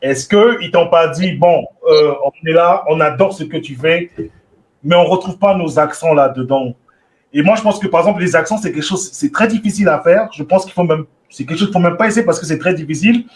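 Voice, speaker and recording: A man hosting an interview, asking measured, probing questions. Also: fairly high pitch. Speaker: interviewer host. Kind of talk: conversational interview.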